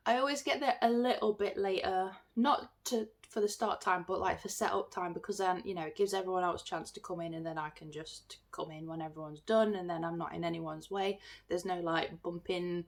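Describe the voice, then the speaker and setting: An English woman with a bunged-up, swollen-throat sound, chatting casually and ramblingly to her phone as a self-deprecating vlogger. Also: medium pitch. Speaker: artist and craft market seller vlogging. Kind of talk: casual chat to camera. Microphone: phone filming.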